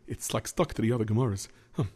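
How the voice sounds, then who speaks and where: A man playing an excitable, self-important pious man in a told story, theatrical, muttering and exclaiming. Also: fairly low pitch, fast, slightly rough. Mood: eager, muttering.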